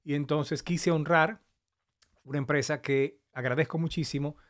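Hoarse, higher-voiced man hosting a live stream. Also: steady tone, normal speed. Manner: affectionate, addresses viewers by name. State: slightly hoarse after an hour of talking. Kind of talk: casual live-stream chat to viewers.

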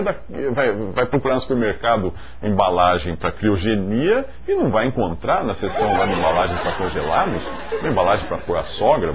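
A man in his forties gives a talk in a husky, fairly low voice that rises and falls with animated, joking emphasis. The studio sound is dull and lo-fi, as if taken from an old video. He talks as if to an audience, full of lively gestures. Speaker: speaker.

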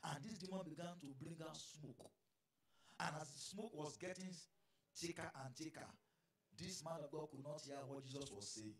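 A male pastor telling a story in a sermon, dropping to a hush and then rising to loud, dramatic preaching. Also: fairly high pitch, moderate pace. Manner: dramatic storytelling, swinging from hushed to shouting.

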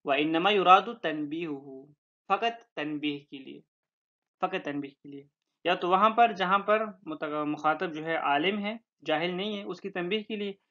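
High, bright-voiced man teaching a text. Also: lo-fi sound. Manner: explains step by step with fillers and repetitions; recites Arabic verses slowly, then translates. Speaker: religious teacher. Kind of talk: classroom lecture explaining a text.

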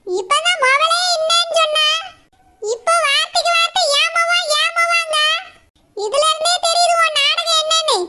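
A woman's voice: extremely high pitch, moderate pace, exaggerated voice. A woman with a Kanyakumari Tamil accent, playing an older village woman who scornfully accuses and curses the other family. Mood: accusing. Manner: scornful, accusing, shouting in a street quarrel. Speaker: angry mother of the groom's side. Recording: loud background noise.

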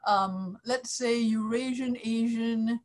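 A woman from Malaysia speaks up in an online class over a video call. Her voice sits a little high, and she is earnest, restarting her sentences as she makes her point. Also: fairly even intonation, slow. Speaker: class participant. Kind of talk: questions and comments in an online class.

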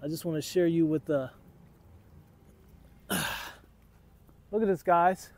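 Speaking from a waterfront dock, this fishing channel host is a middle-aged man with a slightly high, somewhat mellow voice who talks slowly but very animatedly. He chats casually and addresses his viewers as "guys." The camera sits on a tripod or is occasionally held for selfie shots.

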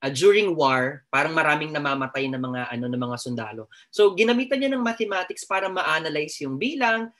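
A man's voice: a little high, expressive, a little fast, hardly any pauses, a bit bright. A Filipino man giving a chatty, joking nursing lecture, mixing Tagalog and English and constantly addressing his class.

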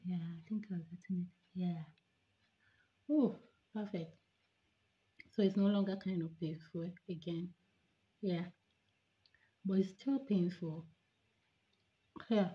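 A woman vlogger talking haltingly with her fingers in her mouth, fitting a retainer and working through discomfort. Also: fairly low pitch, steady tone. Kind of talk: casual video demonstration. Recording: dull lo-fi audio.

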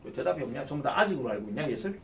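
A male English teacher, giving an exam-prep lecture and quizzing his students with quick questions. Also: mid-range voice, big pitch swings, vocal fry, echoey room, far from the mic, noisy background.

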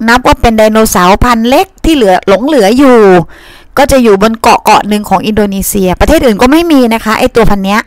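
A woman's voice: a little high, fast talker, no room sound. A woman teacher giving a reading lesson in a chatty way, asking her pupils questions and answering them herself. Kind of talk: reading-comprehension lesson to students.

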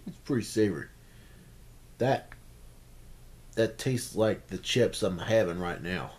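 A young adult man giving a casual, low-key food review in a halting, hesitant way. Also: darkish tone. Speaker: snack reviewer. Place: small room at home, indoors. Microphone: camera at about arm's length. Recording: faint background noise, amateur camera.

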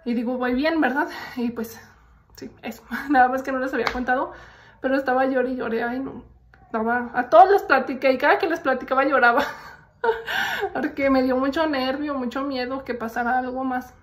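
A woman's voice: sits high, moderate pace. A young Mexican woman with a Mexican accent, chatting casually to her followers and telling stories with frequent laughs. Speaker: vlogger. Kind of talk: casual chat.

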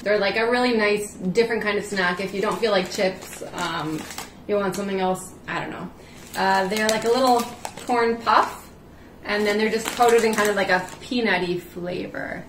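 A woman's voice: medium pitch, normal speed, fairly bright tone, slight background noise. A woman chatting casually and frankly while tasting snacks on camera. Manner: frank, chatty food taster. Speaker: vlog host. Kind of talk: casual chat. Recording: echoey room with faint ambience.

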